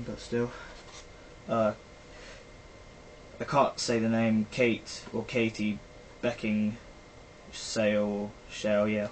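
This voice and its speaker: Rambling young British guy. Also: lowish voice. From Britain. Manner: rambling, chatty, trailing off with fillers. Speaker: vlogger. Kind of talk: casual film review chat. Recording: faint background noise, poor-quality recording.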